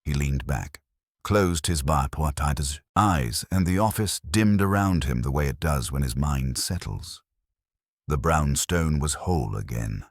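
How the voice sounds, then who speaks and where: A man with an extremely low voice reads a scripted audiobook, a wry first-person detective story, in a measured, literary style while his pitch moves around lively. The recording is dry and close.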